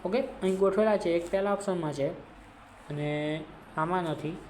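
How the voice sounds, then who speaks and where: A woman's voice: on the low side, moderate pace, a little mellow. A woman with a Gujarati accent teaching a chemistry revision lesson. She asks questions and then answers them herself. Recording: echoey room, faint background noise.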